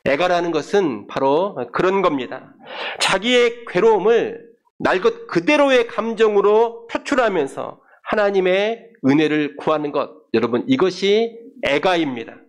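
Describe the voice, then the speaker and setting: A male pastor preaching a measured sermon, addressing the congregation directly and voicing quoted laments in a pleading tone. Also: high-pitched, very animated.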